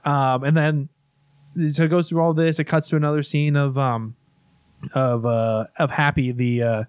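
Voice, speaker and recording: A man's voice: mid-range voice, little pitch movement, moderate pace, clear, resonant tone, dry recording, studio quality. A man casually recapping a movie in long, rambling stretches, restarting often and swearing now and then.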